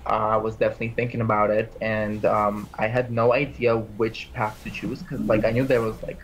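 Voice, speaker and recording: A man's voice: on the low side, little pitch movement, a little fast, a little hiss or hum, poor audio. A man in his twenties, born in Armenia, talking casually as an interview guest and rambling with lots of "like" and restarts. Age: 20s. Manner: rambling, heavy use of "like" and restarts. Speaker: interview guest, PA school applicant.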